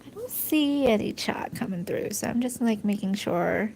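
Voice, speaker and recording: A woman's voice: mid-range voice, expressive, normal speed, creaky, a little mellow, a little hiss or hum, poor audio. A young adult woman streaming a game, chatty and giggly, reading lines and thinking aloud. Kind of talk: casual let's play commentary.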